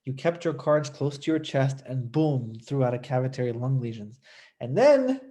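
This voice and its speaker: A man's voice: mid-range voice, animated, normal speed, mellow. A man on a video call, joking and exuberant in a medical case discussion.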